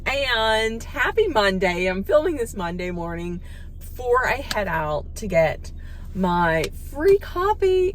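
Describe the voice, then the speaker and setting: A woman in her fifties chatting excitedly to camera in a casual vlog, with squeals and laughs. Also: fairly high pitch, a little hiss or hum. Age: 50s. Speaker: vlogger.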